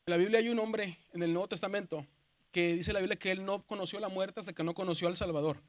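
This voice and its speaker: A man from Mexico delivers a seminary classroom lecture at a quick pace, his high voice keeping a fairly even intonation. With a Mexican Spanish accent, he goes step by step, keeps confirming with "¿verdad?", and speaks to his students as "hermanos."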